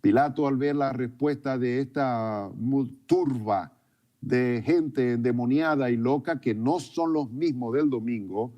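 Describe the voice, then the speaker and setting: Male preacher, sermon delivery, mellow dark tone, repeats himself for emphasis. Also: mid-range voice. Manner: retelling events with acted quotes, repeating himself for emphasis.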